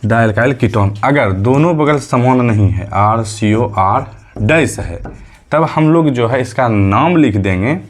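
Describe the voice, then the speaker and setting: A man's voice: medium pitch, animated, measured pace. A male chemistry teacher giving a medium lesson, patiently repeating key terms as questions and counting aloud step by step, with a light tinge. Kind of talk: classroom lesson.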